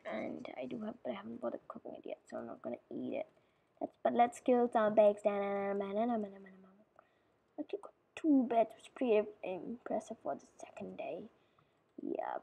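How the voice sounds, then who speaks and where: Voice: medium pitch, gravelly, warm tone, slightly rough, rough recording. A person giving casual, rambling commentary over a game tutorial, often dropping into mumbles and whispers and correcting themselves. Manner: loose and chatty, with many fillers and self-corrections. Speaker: gameplay tutorial maker.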